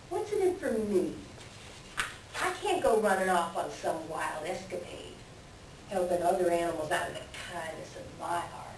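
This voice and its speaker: A woman's voice: fairly low pitch, expressive, unhurried, long pauses. A woman playing a sly, self-serving coyote trickster with folksy, rustic speech in a readers theater animal tale. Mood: cagey, stubborn. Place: library readers theater performance. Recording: roomy, distant mic, faint background noise.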